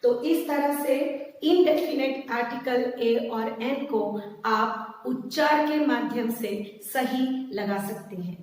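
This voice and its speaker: A woman teaching an English grammar lesson, explaining slowly and spelling out example words one by one. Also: a little high, a little mellow, a little hiss or hum. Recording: echoey room, distant mic.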